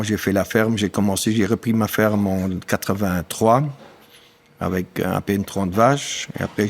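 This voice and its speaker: A man in his sixties who farms dairy in German-speaking eastern Belgium speaks hesitant, German-accented second-language French during a conversational podcast interview. His fairly low voice is gravelly yet a little mellow, and slightly rough.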